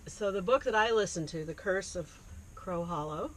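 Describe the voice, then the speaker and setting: A woman from Appalachia in the United States co-hosts a library podcast, chatting casually about books in an easygoing, agreeable way. Her voice is lowish with lively intonation and a moderate pace. The low-quality recording was made inside a parked library bookmobile, and background noise from the vehicle is clearly audible.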